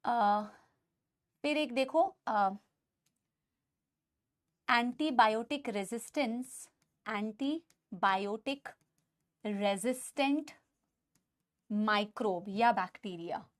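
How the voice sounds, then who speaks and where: In an online biology lecture, a woman with an Indian accent blends Hindi and English and coaxes her students by calling them "beta." Her voice is fairly high, she speaks extremely slowly with frequent pauses, and she mentions that she usually shouts in class.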